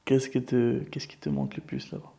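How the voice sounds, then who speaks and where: A woman interviewer asking short questions and gently coaxing her guest in a casual interview. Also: very deep voice, very animated, fairly quick.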